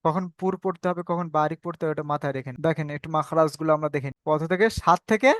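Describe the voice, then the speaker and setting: A man teaching Quran recitation in an online class, patiently repeating rules and spelling out sounds slowly. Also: fairly high pitch, a bit bright, no room sound. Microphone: video call.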